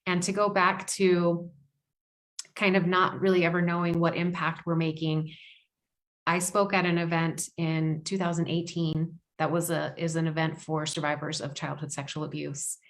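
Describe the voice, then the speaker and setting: A woman's voice: low-pitched, flat delivery, moderate pace. A woman guest speaking earnestly in an interview, often repeating words for emphasis. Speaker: podcast guest. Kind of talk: heartfelt interview conversation.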